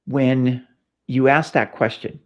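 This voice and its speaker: A man's voice: mid-range voice, steady tone, slow pace. A middle-aged man from California hosting a casual police training talk, chatty and anecdotal with frequent fillers and restarts. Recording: slightly dull lo-fi recording.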